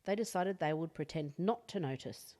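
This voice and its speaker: A woman reading a picture book aloud as an expressive children's storyteller. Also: low-pitched, normal speed. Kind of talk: expressive read-aloud bedtime story narration.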